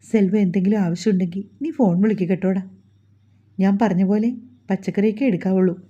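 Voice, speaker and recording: A woman voicing a gruff, short-tempered grown man in a storybook reading, speaking in a stern and curt way, on a dull lo-fi recording. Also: mid-range voice, steady tone, fairly quick, dark tone, lightly acted.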